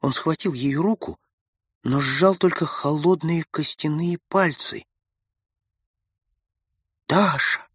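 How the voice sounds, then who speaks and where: A man narrating classic prose for an audiobook in a measured, steady storytelling manner on a close mic. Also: fairly high pitch, slightly rough, no echo.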